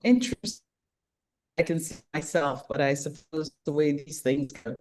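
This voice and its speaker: A woman speaking over a video call, with the call audio glitching and cutting out as she speaks in halting, broken-off phrases. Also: deep voice, lively intonation, darkish tone, a little hiss or hum. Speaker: foundation founder, interview guest.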